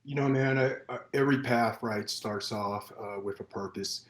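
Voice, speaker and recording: A middle-aged man born in Vietnam, guest on a podcast, telling his life story in an earnest, measured way with many fillers and restarts. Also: mid-range voice. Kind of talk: personal storytelling in interview. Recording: roomy echo.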